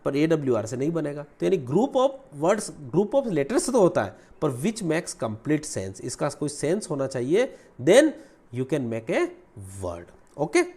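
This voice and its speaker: Male grammar teacher, slightly high, animated voice, explains in Hindi with English terms. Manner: explains in Hindi, mixing English terms, repeats key words slowly; lively teacherly delivery, asks and answers own questions.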